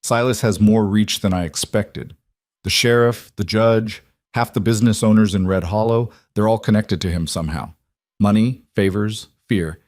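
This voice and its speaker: A man's voice: fairly low pitch, normal speed, a little mellow, no echo, clean studio sound, natural voice. Man doing a firm, protective cowboy. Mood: steady. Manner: firm, clipped and commanding.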